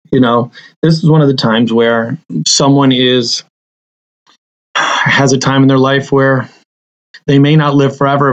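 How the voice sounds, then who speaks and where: Halting forty-year-old man telling a story. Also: medium pitch, poor audio. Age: 40s. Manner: halting, repeats words, many fillers. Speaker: family doctor. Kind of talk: personal storytelling.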